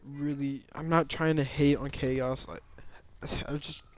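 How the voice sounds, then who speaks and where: A man's voice: medium pitch, little pitch movement, slow. A man giving a casual, rambling opinion monologue about a game, often hesitating, restarting and sighing.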